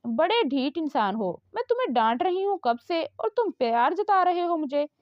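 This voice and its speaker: A scolding mother who nags her son without pause, as a woman narrator plays her. The voice runs high and animated, in a dull, dry, lo-fi recording. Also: no echo. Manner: scolding, nagging. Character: scolding middle-aged mother, nagging but loving.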